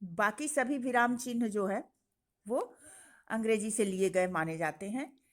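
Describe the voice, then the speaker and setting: A woman teacher giving an online grammar lesson, explaining slowly with pauses and fillers. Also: medium pitch. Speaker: Hindi teacher.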